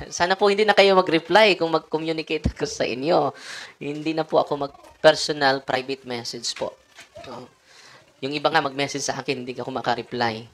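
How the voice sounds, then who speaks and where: A man's voice: a little high, fairly bright tone. A Filipino-accented priest gives an informal sermon to his followers. He slides between Tagalog and English mid-sentence and tags his statements with a questioning "no?". He lets out short chuckles between his points. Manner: ends phrases with tag question "no?".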